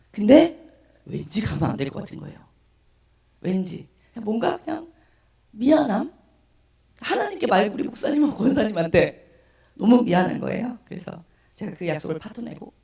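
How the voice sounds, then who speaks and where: A woman's voice: medium pitch, gravelly, warm tone. A woman guest speaker with a strained, unclear voice, giving a personal testimony at a church service and acting out the voices in her story. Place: church sanctuary. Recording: echoey room, distant mic.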